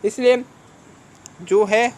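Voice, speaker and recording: In his vlog, a defence exam coach speaks earnestly and informally to his students, pushing them forward with encouragement and rhetorical questions. His voice is high with fairly even intonation, and he draws his words out.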